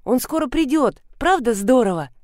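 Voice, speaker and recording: A woman's voice: high voice, animated, moderate pace, a little mellow, no room sound, studio quality. A woman voicing an eager, joyful small boy in an audiobook. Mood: earnest.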